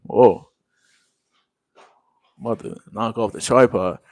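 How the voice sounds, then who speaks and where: A man's voice: lowish voice, takes it slowly, dry recording. A young man hosting a casual livestream in a laid-back, slang-heavy drawl, tired and yawning after a long day. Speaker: livestream host. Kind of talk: casual livestream chat reading comments.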